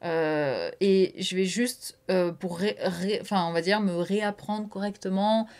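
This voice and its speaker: A woman's voice: medium pitch, a little slow, a little mellow. A woman guesting on a podcast, talking loosely in casual chat with heavy fillers and offhand swearing.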